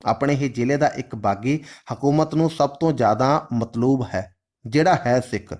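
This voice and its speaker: A man voicing a stern, formal male official who speaks in a measured, lawful way. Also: medium pitch, darkish tone, lightly acted. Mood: coaxing. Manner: formal, measured, Urdu-flavored phrasing.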